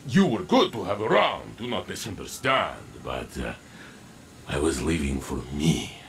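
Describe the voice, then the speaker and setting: Saint-14, slow, deep earnest warrior. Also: male voice, expressive, vocal fry, fairly bright tone, a little hiss or hum, full character voice. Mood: solemn, grateful. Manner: halting, simple phrasing with emphatic pauses. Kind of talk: video game character dialogue. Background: music.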